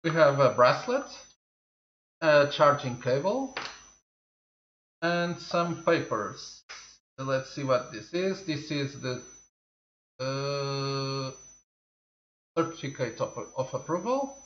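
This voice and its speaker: A native Portuguese-speaking man in his forties hosts a tech review channel, unboxing a product at a studio desk. He thinks aloud slowly and chattily with many fillers, in an expressive, fairly bright mid-range voice. The echoey room gives slightly dull audio with a little hiss or hum.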